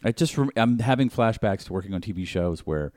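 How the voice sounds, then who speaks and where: A man with a very low voice chats loosely, joking and swearing freely as he rambles. The recording is dry and close, with no room sound. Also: expressive, a little fast, darkish tone, dry recording. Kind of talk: casual chat.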